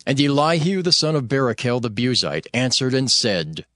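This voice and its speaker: A solemn male narrator reads scripture in a mid-range, fairly bright voice that swings widely in pitch. He keeps a moderate pace, and the recording is clean studio sound with no room noise.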